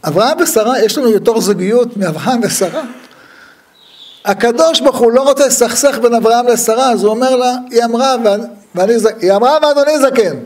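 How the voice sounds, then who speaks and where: A man giving a humorous religious talk, telling stories with lively acted-out dialogue and frequent laughter. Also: very high voice. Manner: lively storyteller who acts out the dialogue; laughs often at his own stories.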